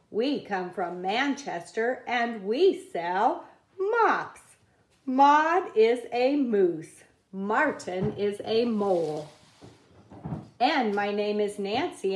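A woman reading a children's picture book aloud at a table, in a slow, careful read-aloud cadence. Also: medium pitch, roomy sound. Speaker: reader. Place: indoors at a wooden table.

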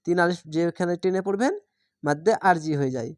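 A woman teaching Quran reading from Bangladesh, spelling each syllable slowly, then blending it into the whole word. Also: fairly low pitch, a little mellow, no room sound, studio quality. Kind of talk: slow spelled-out recitation lesson.

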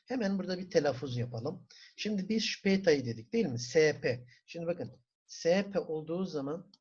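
A man with a Turkish accent teaching a German class, asking the students questions, answering them himself and repeating words slowly for pronunciation. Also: fairly high pitch, expressive, darkish tone, breathy edge. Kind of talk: classroom lesson. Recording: dull lo-fi recording.

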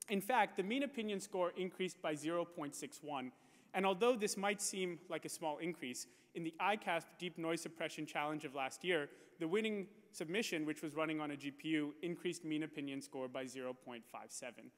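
A man giving a prepared research talk at a conference, explaining results in a clear, measured way. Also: on the high side, big-room sound. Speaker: conference presenter.

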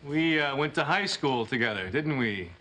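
An actor playing a smug former schoolmate who needles an old rival. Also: male voice, mid-range voice, animated, normal speed, background noise, natural voice. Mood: needling. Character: smug male old schoolmate, grudge-holding boss.

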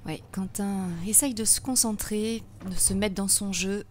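A woman co-commentating live bowling, briskly calling each shot as it happens. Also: mid-range voice, fairly even intonation, a little mellow, a little hiss or hum. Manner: brisk, calls the shots as they happen.

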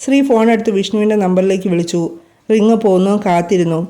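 A woman storyteller reads a romance aloud at an even, gentle pace. Her voice is warm and mellow, sitting in a middle pitch. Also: fast. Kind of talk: scripted storybook narration.

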